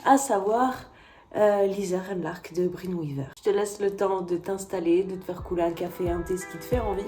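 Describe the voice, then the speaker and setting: A woman's voice: lowish voice, moderate pace, a little mellow, soft background music. A woman reviewing a book in a chatty, hesitant way, talking straight to the viewer. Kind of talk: casual book review chat.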